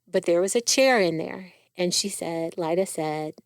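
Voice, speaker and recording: A woman's voice: lowish voice, measured pace, gravelly, no echo, studio quality. A woman guest telling her own cancer story candidly, acting out what people said to her. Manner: candid, animated storytelling with quoted dialogue. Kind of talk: personal storytelling in a podcast.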